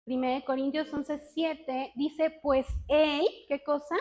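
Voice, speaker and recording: A woman teaching the Bible to a women's group in a chatty, self-mocking way, asking her listeners questions and reading scripture slowly. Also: high-pitched, little pitch movement, darkish tone. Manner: reads scripture slowly and deliberately. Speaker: women's ministry speaker.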